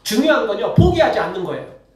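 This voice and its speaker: A man's voice: high voice, sing-song, quick pace, a little mellow, faint music behind. A male pastor giving a conversational sermon, acting out blunt voices as he tells it. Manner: conversational preaching, acts out the wicked in blunt speech. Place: church sanctuary. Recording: echoey church hall, mic at a distance.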